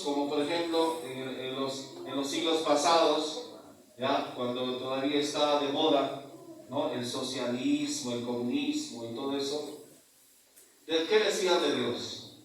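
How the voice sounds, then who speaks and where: A man, a priest, preaching a sermon at mass, asking rhetorical questions and adding tag questions, slowing to stress key words. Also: mid-range voice, a little hiss or hum. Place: large church. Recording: very echoey church from far off.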